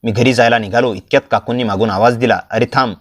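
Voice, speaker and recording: Steady male story narrator. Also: mid-range voice, fast. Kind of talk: first-person story narration.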